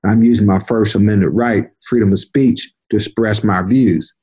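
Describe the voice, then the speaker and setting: An older man, a retired detective, telling stories from his career in an unhurried conversational way, often repeating words as he recalls. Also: fairly low pitch, steady tone, warm tone, breathy edge. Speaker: interview guest, retired police detective. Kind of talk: conversational storytelling.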